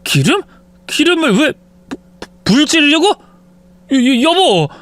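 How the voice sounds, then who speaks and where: A narrator voicing a young husband caught lying, stammering and pleading in a spoken-story drama. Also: male voice, very high voice, very animated, slow pace, a bit bright, dry recording, pitched above the performer's own voice, heavily acted. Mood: panicked.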